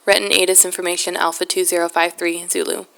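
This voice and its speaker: Flat female airport weather broadcast voice. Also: fairly low pitch, fast, vocal fry. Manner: flat, clipped reading of numbers. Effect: airport weather broadcast played back. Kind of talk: recited automated weather report.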